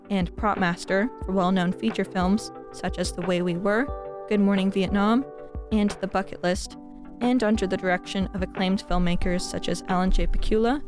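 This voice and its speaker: A woman hosts a film podcast, reading her introductions and asking questions with bright enthusiasm. Her voice sits at an average pitch, and soft music plays faintly behind her. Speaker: podcast host. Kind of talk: interview podcast.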